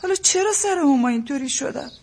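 An actress playing a tearful, anxious mother of a newborn who defends herself gently. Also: sits high, expressive. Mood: tearful, defensive. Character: tearful mother of a new baby, anxious, devout. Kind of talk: TV drama acting.

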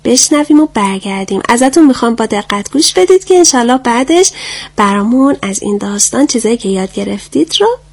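A woman's voice: a little high, expressive. A woman teacher leading a lesson for young girls, speaking in an encouraging manner. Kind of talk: classroom lesson.

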